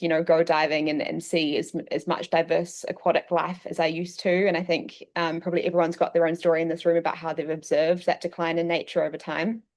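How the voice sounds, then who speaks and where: A woman from New Zealand presenting to a meeting room, explaining steadily with frequent ums. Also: low voice. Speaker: session co-host presenting. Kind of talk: presentation talk.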